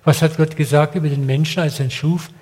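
A man's voice: a little high, fairly even intonation, fast, darkish tone. An older man preaching a sermon in blunt, colloquial words, often asking his listeners rhetorical questions. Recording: long hall reverb.

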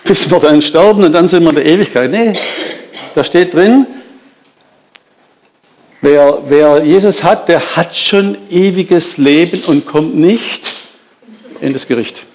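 A man preaching a sermon, lively and emphatic, asking rhetorical questions and speaking directly to his listeners. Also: a little high, unhurried, long pauses, a little hiss or hum.

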